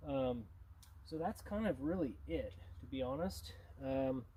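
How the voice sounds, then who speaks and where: A man's voice: medium pitch, unhurried, warm tone, a little hiss or hum, poor audio. A man gives an informal tutorial as a hunting instructor, in a plain-spoken, conversational way.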